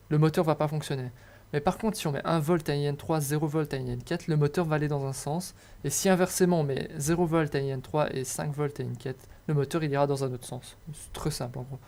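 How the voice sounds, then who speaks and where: A young man with a fairly high, slightly mellow voice narrates a hobby electronics tutorial over slides. His casual talk is hesitant, full of fillers and restarts, and he keeps making self-mocking asides.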